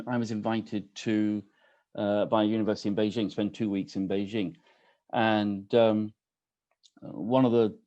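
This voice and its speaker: A man's voice: fairly low pitch, warm tone. A man in his sixties hosting an online poetry reading from his home kitchen over a video call, speaking casually with many ums and restarts. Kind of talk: casual welcoming remarks. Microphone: computer on a video call.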